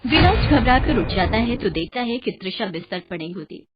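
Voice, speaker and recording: A woman narrating a cartoon horror story in a dramatic, expressive way. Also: mid-range voice, brisk. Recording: muffled, with a clear hiss.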